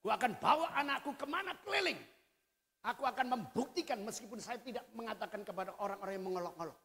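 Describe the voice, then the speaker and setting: A man preaching, voicing a childless woman who loudly pleads with God for a son, in a reverberant hall. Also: high-pitched, animated, quick pace, heavily acted. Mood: defiant. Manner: loud, pleading, emphatic.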